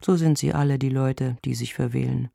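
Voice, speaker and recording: A man reading a first-person story aloud, wry, melancholic and deadpan. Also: mid-range voice, fairly quick, gravelly, no echo, studio quality. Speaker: narrator.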